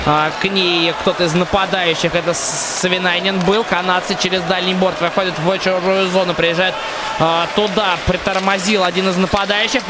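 Loud crowd and noise surround a high-pitched male commentator. He gives live hockey play-by-play, describing each move of the puck and pausing to find the next phrase. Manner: describes each puck movement, with hesitant pauses. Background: hockey arena crowd.

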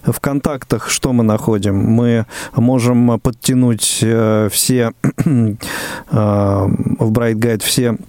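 A man hosting a casual talk, putting questions in a halting way with many pauses. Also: medium pitch, fairly even intonation, mellow, dry recording. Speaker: host. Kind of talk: casual interviewing.

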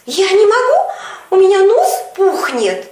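A woman's voice: very high voice, huge pitch swings, a little slow, a little mellow, pitched above the performer's own voice, exaggerated voice. A woman voicing a flustered, silly young woman who squeals in alarm. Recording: echoey room with music behind.

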